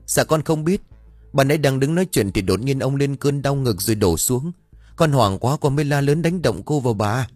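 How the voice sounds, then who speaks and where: A man's voice: animated, normal speed, darkish tone, dry recording, soft background music, close to an everyday voice. A man voicing a frantic young male servant in a spoken story. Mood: panicked. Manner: frantic, high-pitched pleading.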